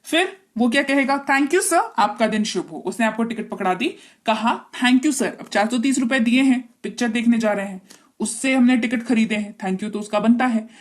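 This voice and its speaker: Indian woman teacher with a fairly high voice, speaks slowly and keeps checking understanding. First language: Hindi. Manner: acts out dialogue lines slowly. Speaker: English teacher. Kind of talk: bilingual classroom lesson, explaining slowly.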